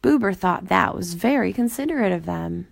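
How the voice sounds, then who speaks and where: A woman reading a children's storybook aloud in a gentle, even storytelling manner. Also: on the low side, normal speed, creaky, a little hiss or hum. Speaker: storybook reader.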